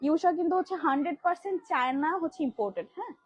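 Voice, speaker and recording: A woman from Bangladesh hosts a live online sale of kids' dresses, her voice high and her talk racing along in filler-heavy patter. The sound is close and dry, with a dull, lo-fi livestream quality. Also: animated, very fast, no echo. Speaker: live sales host. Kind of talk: live product demo selling kids' dresses.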